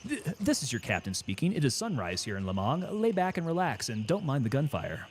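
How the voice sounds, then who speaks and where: A man voicing a calm airline captain making a cabin announcement, in a slow, soothing announcer delivery. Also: medium pitch, a little hiss or hum, lightly acted. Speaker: gamer streaming.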